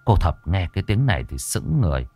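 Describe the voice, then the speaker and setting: A man telling a horror story, his low voice rising and falling with lively intonation. The delivery is measured and dramatic, recorded dry and close to the mic. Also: dry recording, faint music behind.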